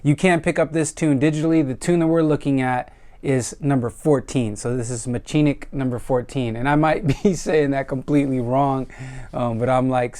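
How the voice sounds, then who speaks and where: American man, casual music review monologue, smooth resonant voice, laid-back, fillers and swearing. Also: mid-range voice. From United States. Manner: relaxed, reflective, with frequent fillers and profanity.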